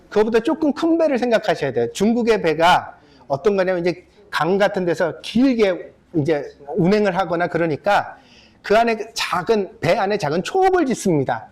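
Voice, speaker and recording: A male pastor in his fifties preaching a story-filled sermon, speaking straight to his congregation. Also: high-pitched. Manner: animated, addresses the congregation directly, acts out characters. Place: church sanctuary.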